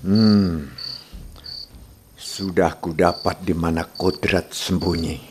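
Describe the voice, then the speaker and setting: An actor playing a stern, vengeful martial-arts warrior in old radio drama style, deliberate and threatening. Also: male voice, deep voice, fairly even intonation, background noise. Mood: brooding. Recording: radio drama with music behind.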